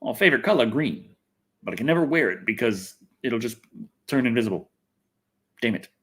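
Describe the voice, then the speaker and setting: An animated American man from Texas, a livestream host and video reviewer, chats casually and rambles while answering viewers. His mid-range voice is husky and a little fast, and he thinks aloud, swears freely and is self-deprecating.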